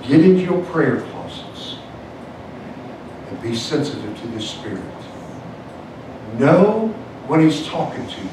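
A man preaching as a pastor, punctuating his lines with "amen" and calls to the church. He swings between soft, low passages and shouted, high climaxes. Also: big pitch swings, unhurried, pauses often. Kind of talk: evangelical sermon. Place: church sanctuary, indoors. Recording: echoey church sound from far off, faint noise.

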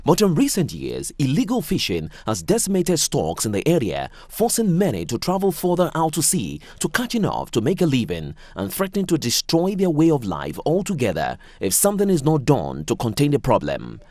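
A man narrating a scripted news report, measured and even. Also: no room sound, studio quality. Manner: measured reading with wide pitch swings.

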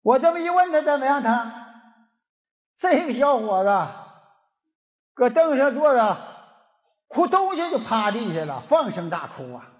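Northeastern Mandarin man, folk-healer lecturer, very high and lively voice, dull recording, long hall reverb. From Northeast China. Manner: animated storyteller who acts out dialogue. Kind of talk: storytelling lecture.

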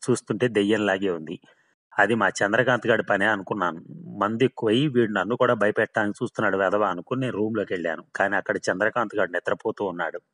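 A man's voice: on the low side, fairly even intonation, quick pace, a bit bright. A man voicing the ghost of a hard-drinking male laborer who keeps swearing his tale is true, in a storybook reading. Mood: recounting.

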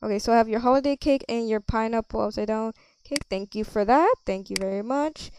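A woman role-playing a cafe server in a game, chatting with customers and thinking out loud with lots of ums. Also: fairly high pitch, a little fast, a little hiss or hum. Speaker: player running a cafe. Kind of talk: casual game role-play.

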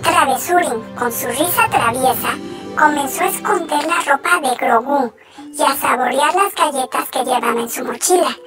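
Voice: sits high, normal speed, recorded from a distance. A narrator reading scripted bedtime stories for young children. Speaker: children's story channel narrator. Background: music.

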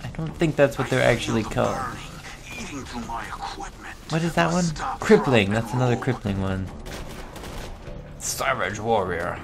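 A man commentates casually on a game he is playing, talking to himself and swearing freely. His pace is slow and his voice has noticeable fry. Faint game music plays behind him. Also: mid-range voice. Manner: chuckling, sweary, talks to himself. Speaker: let's play gamer.

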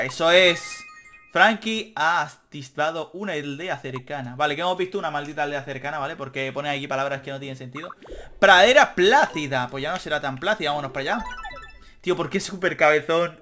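A man's voice: a little high, bright, forceful tone. A young man giving joking let's-play commentary, reading the game text aloud and swearing casually. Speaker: gaming YouTuber. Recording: faint game music behind.

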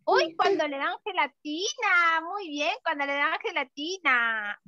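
A woman's voice: very high voice, animated, measured pace, pushed and bright, no echo, highs cut off. A woman teaching an online class to small children, in an exaggerated, affectionate sing-song manner. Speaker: preschool teacher.

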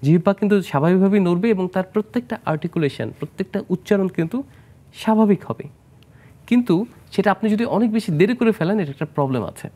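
A man's voice: high voice, expressive, fast talker, mellow. A plastic surgeon from Bangladesh, a man, explaining treatments as a guest in a studio health interview, mixing in English medical terms. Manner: explanatory, mixes English medical terms, asks host questions.

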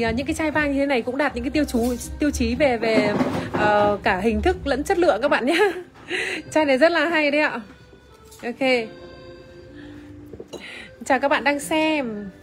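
Chatty woman presenting wine on a livestream. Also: high-pitched. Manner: chatty, many fillers, greets viewers by name. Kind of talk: casual livestream product demo. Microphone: phone camera, iPhone.

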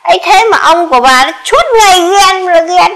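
A woman's voice: very high-pitched, normal speed, a bit bright, low-quality recording. A woman playing a fussy Northern grandma. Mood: grumbling. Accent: Northern Vietnamese. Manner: exclamatory, fussing, sing-song. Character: chatty old grandmother with a jealous husband. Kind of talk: comic sketch acting.

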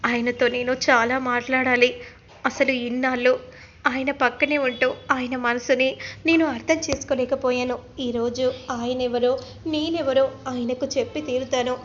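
A woman's voice: high-pitched, steady tone, normal speed, a little hiss or hum, natural voice. Woman voicing an earnest young woman in love. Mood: earnest pleading. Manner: pleading, earnest. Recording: roomy, slightly dull recording.

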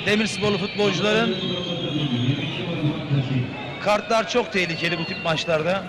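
A man's voice: sits high, normal speed. A man giving unscripted match analysis as a football co-commentator. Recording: echoey, noisy stadium broadcast with crowd. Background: loud crowd and stadium noise.

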